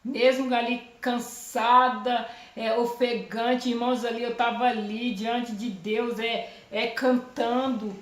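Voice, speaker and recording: A woman's voice: on the high side, flat delivery, takes it slowly, reverberant. Earnest woman giving a testimony. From Brazil. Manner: earnest, emotional, repeats phrases. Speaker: testifying believer. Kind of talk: religious testimony. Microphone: phone camera.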